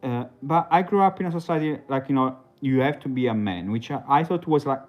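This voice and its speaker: A man's voice: mid-range voice, brisk, lo-fi sound. A man from Italy, talking casually on a livestream in a hesitant, rambling way full of fillers and restarts. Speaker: livestream host.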